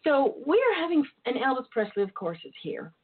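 A woman's voice: high voice, very animated, fairly quick, husky. Campy, sassy woman host, phone-like sound. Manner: campy, sassy, bawdy, chatty. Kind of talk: casual solo radio chat. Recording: tinny phone line sound.

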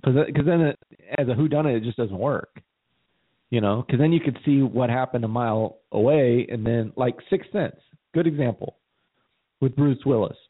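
A man's voice: mid-range voice, normal speed, husky. A man co-hosting a casual conversation, thinking aloud and often repeating his words as he goes. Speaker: co-host. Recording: tinny phone-like audio.

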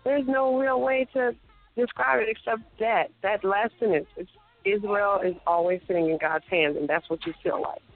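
A woman's voice: mid-range voice, moderate pace, dry recording, faint music behind. A young woman, a guest speaking earnestly and devoutly over the phone, often searching for words. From Fort Worth, Texas. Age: young adult. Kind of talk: phone interview. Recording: tinny phone line.

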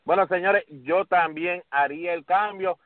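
A man hosting a casual sports podcast, talking in an animated way and calling his co-host by name. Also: sits high, a little slow, dry recording. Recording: tinny phone-like audio.

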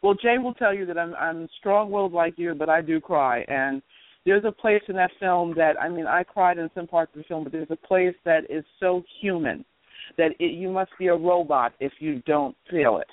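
A man's voice: a little high, moderate pace, no echo. A man co-hosting a radio interview, earnest and emotional, close to tears. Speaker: radio co-host. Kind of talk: interview chat. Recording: tinny phone-like sound.

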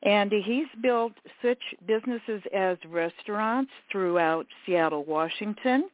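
A woman's voice: medium pitch, expressive, takes it slowly, no echo. A woman hosting her own radio segment, interviewing a guest in a rambling, friendly way with many fillers. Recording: tinny phone line, dry.

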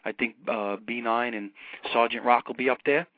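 A man's voice: medium pitch, steady tone, normal speed, no echo. A man with a Brooklyn New York accent, chatting casually as a caller over the telephone. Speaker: phone-in caller. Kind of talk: casual chat. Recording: muffled, lo-fi phone call.

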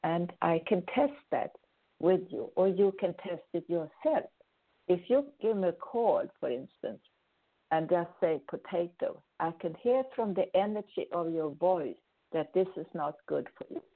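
A woman's voice: fairly low pitch, animated, a little slow. A woman hosting a show and answering listener questions, giving earnest, rambling advice with frequent restarts. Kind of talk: spoken advice talk. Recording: tinny phone-like audio.

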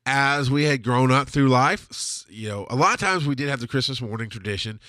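A man hosts a podcast from his home studio, spinning a long, profane, meandering story about his own life while laughing frequently through a stuffy nose. His medium-pitched voice is pushed and bright and fairly quick, and the recording is dry.

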